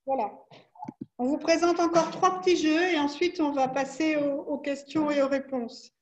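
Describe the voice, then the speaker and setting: A woman's voice: sits high, fairly even intonation, moderate pace, a little mellow, slight background noise. A woman presenting educational games in a webinar, patiently walking through the rules step by step over a video call. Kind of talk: explaining a product webinar.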